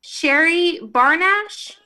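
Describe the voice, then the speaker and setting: A woman with a high, bright voice works through a roll call over a video call. She reads each name slowly and with care, pausing to apologize when she stumbles. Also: expressive. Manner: slow, careful reading of names, with apologetic asides and laughs. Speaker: meeting roll-call reader.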